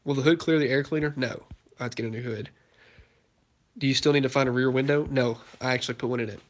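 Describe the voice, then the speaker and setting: A young man streams live from a cluttered home garage with a project car, filming on a phone he holds. His mid-range voice is steady and fast but a bit congested and fading as he rambles through chat questions, full of fillers and restarts.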